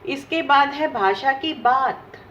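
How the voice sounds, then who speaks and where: A woman's voice: high voice, fairly bright tone. A woman teacher working through a textbook exercise for young children, patiently asking questions and answering them herself. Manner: slow and patient, asks and answers her own questions. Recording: dull lo-fi recording with faint hiss.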